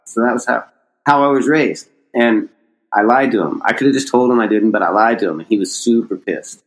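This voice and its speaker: As a podcast guest, a middle-aged skateboarder from the United States rambles through a lengthy personal tale, with restarts and offhand swearing. He speaks briskly in a medium-pitched voice on a low-quality recording.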